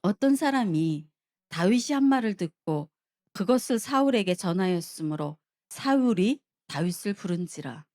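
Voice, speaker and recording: A woman's voice: mid-range voice, normal speed. Woman preacher telling a story animatedly. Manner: animated storytelling, addresses the congregation with questions. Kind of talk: sermon.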